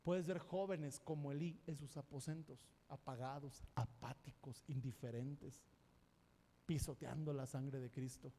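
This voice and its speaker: A man preaching a sermon as pastor, impassioned and emphatic, sometimes rising to a shout. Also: medium pitch, steady tone, unhurried, a little hiss or hum. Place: church sanctuary. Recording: long church hall reverb.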